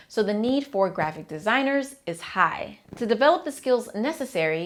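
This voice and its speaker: Speaking right to the camera in a mid-range voice, a female accountant presents a scripted explainer on her channel, her manner upbeat and direct.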